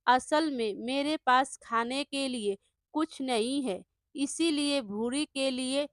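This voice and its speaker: A woman voicing a poor, humble male farmer who speaks in a soft-hearted, pleading way in a storybook tale. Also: high voice, slow pace, no echo, studio quality.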